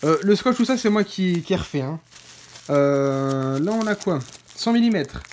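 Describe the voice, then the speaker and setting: Woman host, casual unboxing chat, halting delivery full of fillers and corrections, addresses viewers directly. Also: fairly low pitch, expressive, darkish tone, slight background noise. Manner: hesitant, many fillers and self-corrections; informal, talks straight to viewers. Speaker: fireworks channel host.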